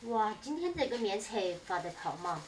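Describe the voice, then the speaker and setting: A young woman talks in Sichuan dialect at an average pitch, casually explaining as she cooks for a vlog. She sounds a little away from the mic, with faint noise around her. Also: very animated, moderate pace, distant mic. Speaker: vlogger, daughter-in-law cooking. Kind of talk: casual vlog narration and chat.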